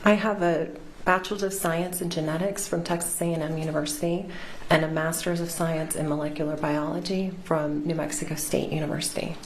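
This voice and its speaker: A woman's voice: deep voice, steady tone. Middle-aged woman testifying in a roomy courtroom recording. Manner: measured, precise explanations. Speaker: expert witness. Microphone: witness stand microphone. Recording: roomy courtroom sound with faint hiss.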